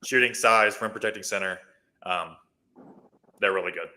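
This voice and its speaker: A man with a fairly low voice gives casual basketball analysis on a talk show. He is chatty and thinks aloud, restarting his sentences and leaning on fillers. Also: moderate pace, pushed and bright.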